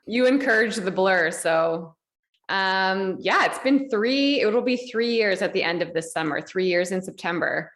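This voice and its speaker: A woman's voice: mid-range voice, animated, measured pace, a bit bright. A woman co-hosting a podcast, chatting casually and playfully, laughing often and throwing in dramatic asides. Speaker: podcast co-host. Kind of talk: casual chat.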